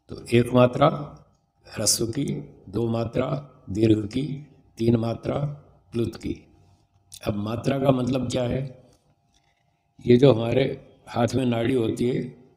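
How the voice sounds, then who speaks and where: A man's voice: mid-range voice, a little mellow. A man speaking as a swami and spiritual teacher, giving a religious discourse on raising children, explaining patiently and sounding out syllables to demonstrate them.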